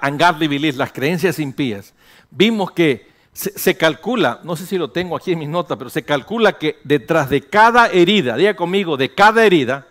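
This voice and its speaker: An older man preaching a sermon as pastor, animated and joking with the congregation, dropping into a hushed low voice at times. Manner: animated, jokes with the congregation, mixes English phrases. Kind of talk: sermon teaching.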